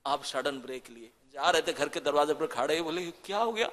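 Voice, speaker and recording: A monk preacher telling a devotional story in a sermon, animated and exclaiming. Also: male voice, on the high side, moderate pace, in a large hall. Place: temple hall.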